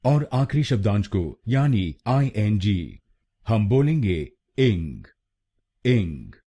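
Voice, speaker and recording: Slow husky male pronunciation teacher. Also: fairly low pitch, very animated, mellow. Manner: slow, deliberate, repeats each word several times. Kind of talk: scripted explanatory lesson.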